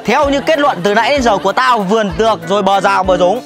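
Man, comic sketch, furious cursing rants, quick talker, loud background music. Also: high-pitched. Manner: loud indignant ranting, cursing. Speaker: comedy sketch actor. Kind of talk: scripted comedy sketch.

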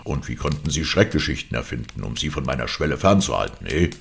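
A man reading an audiobook aloud, voicing a cold, threatening villain in a slow, menacing way. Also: extremely low pitch, very animated, vocal fry, slight background noise, exaggerated voice.

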